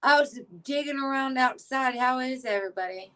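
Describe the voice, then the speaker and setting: A woman's voice: sits high, moderate pace, pushed and bright. A woman joining a livestream by video call, her voice choppy and breaking up from a bad connection, chatting casually. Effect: choppy, breaking-up audio from a bad connection. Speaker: livestream guest. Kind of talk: casual chat.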